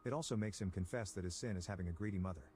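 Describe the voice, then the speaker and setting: Recap voice-over, man with a lowish voice, rapid and steady delivery. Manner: brisk, even, steady storytelling. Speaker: recap narrator. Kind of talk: scripted plot-recap narration.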